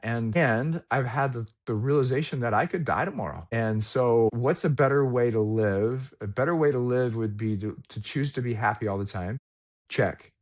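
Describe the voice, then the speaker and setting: A man in his forties telling a personal story in a candid, reflective way, with casual slang, as a guest in a podcast conversation. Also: medium pitch. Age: 40s.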